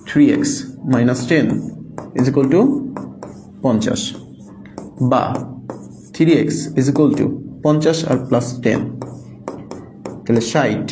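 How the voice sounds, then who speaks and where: A man's voice: on the high side, darkish tone. Guy teaching math online, patient, asks the class questions, echoey room, faint hum behind. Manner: patient, repeats and quizzes the class; mixes in English words.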